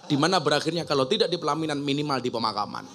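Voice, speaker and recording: A man's voice: a little high, expressive, rapid-fire. A man preaching a humorous public sermon, joking and punchy, firing off rhetorical questions to the crowd. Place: outdoor gathering at a boarding school.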